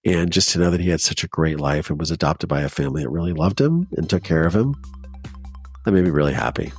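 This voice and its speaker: A man's voice: low-pitched, lively intonation, quick pace, slightly rough, dry recording, clean studio sound, faint music behind. A man from Ohio, a documentary filmmaker, telling his personal story as a podcast guest, heartfelt and rambling with many restarts. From Ohio, United States.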